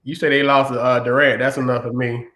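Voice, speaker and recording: A man hosting a casual high school basketball podcast, talking through game picks with friends. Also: little pitch movement, fast talker, fairly bright tone. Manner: laid-back, picks games with friends. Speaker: podcast host. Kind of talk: casual sports chat.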